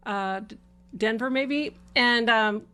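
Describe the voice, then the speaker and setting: A woman's voice: on the high side, slow pace, bright, forceful tone, clear, resonant tone. A middle-aged woman from Washington State, hosting and chatting casually about her past with frequent laughs and fillers. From Washington State, USA. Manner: chatty, laughs while telling the story, many fillers. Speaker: channel host. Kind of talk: casual conversational storytelling.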